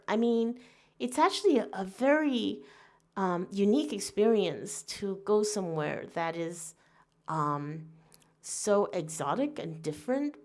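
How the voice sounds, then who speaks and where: An unhurried woman from Taiwan in her forties, speaking at a slow, steady pace in a voice of middling pitch. She muses aloud as a podcast host, earnest and reflective, often pausing on fillers and starting a sentence over. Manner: earnest and musing, with frequent fillers and restarts.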